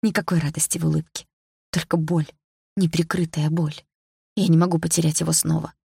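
A woman reading a first-person romance novel aloud in a slow, intimate, emotional way. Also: deep voice, little pitch movement, vocal fry, warm tone, breathy edge, no room sound, clean studio sound. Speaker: audiobook narrator. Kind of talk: scripted first-person narration.

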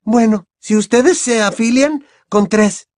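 A man's voice: very high voice, slow pace, a little mellow, no echo, clean studio sound, pitched above the performer's own voice. A man voicing an earnest, bossy teenage schoolgirl witch in an audiobook, insistent and precise. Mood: earnest, indignant. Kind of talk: audiobook character voice.

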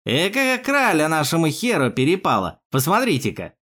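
A man putting on a jeering police thug, loud, raised high, lively and swooping, audiobook figure. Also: normal speed, heavily acted. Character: mocking, crude male police thug with a red mustache.

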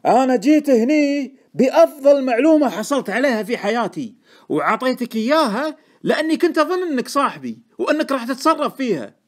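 A man with a Gulf Arabic accent voicing an excitable, insistent male stock tipster in an audiobook. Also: a little high, moderate pace, voice pushed up. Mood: indignant. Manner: insistent, indignant, loud. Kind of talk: audiobook character voice.

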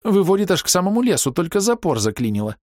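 A man voicing a cowardly, fat male baron with a squeaky, panicky voice in an audiobook. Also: very animated, quick pace, a little mellow, no room sound, clean studio sound. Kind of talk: audiobook character voice.

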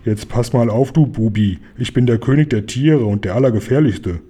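A man voicing a lazy, boastful male lion who grumbles in a mellow, husky voice. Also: medium pitch, normal speed, close to an everyday voice. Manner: grumbling, growly.

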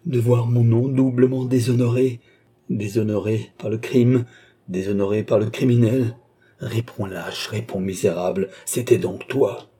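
A man reading an audiobook voices a proud young noblewoman, shouting and raging with fury and contempt. His medium-pitched voice is unhurried, with lively intonation and a breathy edge.

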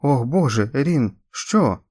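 A man's voice: medium pitch, expressive, measured pace, a little mellow, slightly rough, dry recording, clean studio sound, pitched above the performer's own voice. A man voicing a shaken woman who cries out in alarm, in an audiobook reading. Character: shaken woman watching a hard birth.

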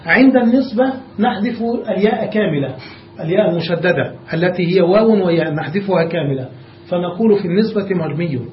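A man with a high voice teaches a grammar lesson, explaining each step and checking in with his students. The recording is dull and muffled, with a roomy classroom echo around him. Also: expressive, fast, slight background noise. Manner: explains step by step, checks understanding with repeated questions.

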